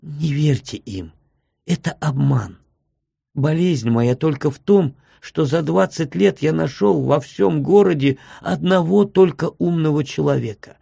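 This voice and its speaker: A man's voice: on the high side, a little slow, gravelly, husky, dry recording, clean studio sound, heavily acted. A man acting a frantic, tearful old-world doctor. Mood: weary despairing. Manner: shouting, tearful. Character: agitated middle-aged male doctor, shouting then despairing.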